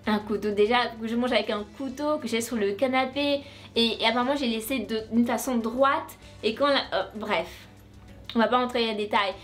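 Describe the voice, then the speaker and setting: A woman's voice: a little high, a little fast, soft background music. A young woman from France telling her story to camera in a casual vlog, chatty and full of restarts and asides. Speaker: vlogger.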